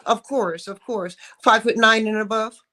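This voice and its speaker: A woman's voice: on the high side, fairly even intonation, moderate pace, bright, forceful tone. A woman about to turn sixty, hosting an interview and gushing with effusive praise for her guest. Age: 50s. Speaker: interviewer host. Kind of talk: casual interview.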